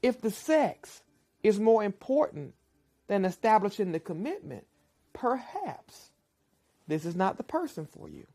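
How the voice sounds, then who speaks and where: A woman giving measured, persuasive relationship advice in a documentary interview. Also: medium pitch, big pitch swings, mellow, soft background music. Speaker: relationship speaker.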